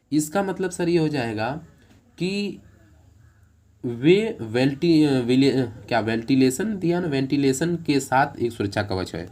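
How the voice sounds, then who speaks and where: A man's voice: mid-range voice, a little mellow. Hindi-speaking man teaching English exam vocabulary. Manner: explains English words in Hindi, repeating each meaning, ends points with "theek hai sir"; reads English question text slowly, word by word. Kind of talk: exam question walkthrough lesson.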